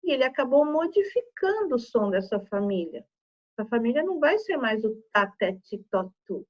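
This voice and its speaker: A woman's voice: fairly high pitch, very animated, normal speed, muffled recording. A woman teacher with a Brazilian Portuguese accent giving a recorded spelling lesson to children, patiently stretching out example words syllable by syllable.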